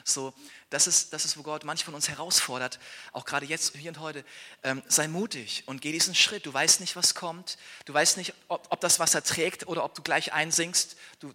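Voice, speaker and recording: A man preaching a sermon with a bright, forceful tone and a voice pitched a little high. He talks earnestly and informally, tossing in little tag questions and restarting phrases as he goes. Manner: restarts and repeated words. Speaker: pastor and church planter.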